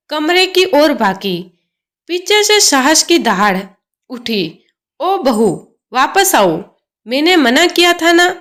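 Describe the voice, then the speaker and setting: A woman's voice: sits high, fairly bright tone. A woman narrating an emotional storybook tale in a dramatic reading style.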